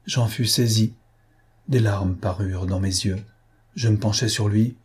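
Husky-voiced man reading a classic novel. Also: on the low side, measured pace. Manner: even, literary storytelling. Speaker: audiobook narrator.

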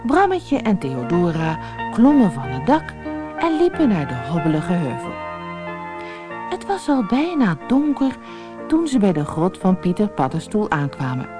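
A woman reading a children's fairy tale aloud as a narrator, in a slow, lively storytelling manner. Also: fairly low pitch, music in the background.

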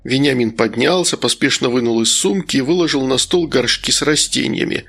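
A man narrating an audiobook in a steady storytelling manner. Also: mid-range voice, brisk, vocal fry. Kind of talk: scripted narration.

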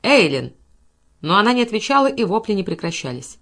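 A woman narrating a classic novel audiobook with a dramatic, expressive reading. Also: medium pitch, quick pace.

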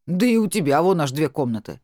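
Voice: mid-range voice, very animated, quick pace, a little mellow, no room sound, studio quality, natural voice. A reader voicing a drunk, coarse middle-aged woman who shrieks slurred abuse. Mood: drunk bickering. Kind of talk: audiobook character voice.

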